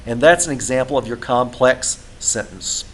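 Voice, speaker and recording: A man's voice: mid-range voice, moderate pace, slight background noise. A male instructor giving a classroom lecture in a conversational way, with frequent filler sounds, recorded in a classroom.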